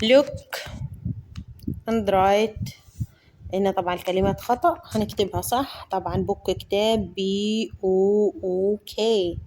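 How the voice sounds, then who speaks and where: A woman with an Egyptian Arabic accent teaching children English from a workbook. She moves quickly through Arabic explanations and slows down to model and spell English words. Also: mid-range voice, darkish tone, a little hiss or hum. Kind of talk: workbook lesson walkthrough.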